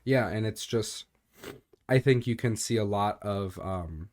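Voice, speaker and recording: A man's voice: on the low side, unhurried, a little mellow. A young man co-hosting a podcast, talking earnestly about faith in a casual, rambling way, with a recurring cough. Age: young adult. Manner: earnest, rambling, with many fillers. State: intermittent cough. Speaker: podcast co-host.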